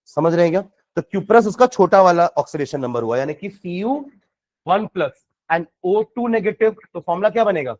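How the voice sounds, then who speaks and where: A man teaching chemistry, dictating notes slowly word by word and asking students rhetorical questions, mixing Hindi and English. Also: high voice, lively intonation, darkish tone. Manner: mixes Hindi and English freely. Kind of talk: classroom lecture with dictation.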